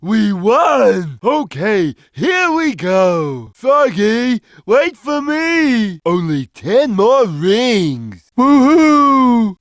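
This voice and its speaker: A man voicing a big, gentle, slow-witted cartoon cat in a video game, with a simple, drawn-out, childlike, friendly delivery. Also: sits high, dry recording, clean studio sound, exaggerated voice. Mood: earnest, simple, then cheerful, excited.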